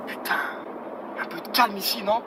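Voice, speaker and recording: A man doing foul-mouthed squeaky Jimmy. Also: moderate pace, lightly acted. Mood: ranting. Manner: rude, swearing, shouts insults at other drivers. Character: crude, hot-headed man called Jimmy. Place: in a moving car. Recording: car and road noise.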